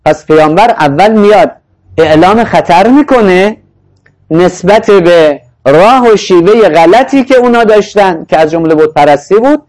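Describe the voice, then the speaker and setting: A man giving a sermon on Quranic verses, reciting the Arabic lines slowly and then explaining them in conversational speech. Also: high voice, expressive, a little mellow, low-quality recording. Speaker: Quranic lecturer.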